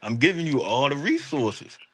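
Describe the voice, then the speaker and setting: A man's voice: mid-range voice, very animated, moderate pace, poor audio. A man talking sports casually and emphatically in street slang, often checking that the listener follows. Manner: emphatic, repeats rhetorical check-ins.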